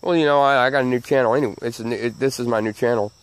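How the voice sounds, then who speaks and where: This channel host, a Southern US man, races through a folksy, emphatic opinion rant to camera in a medium-pitched, steady voice, repeating himself as he goes. The tone is clean. Missing front teeth make his sibilants a bit slurred.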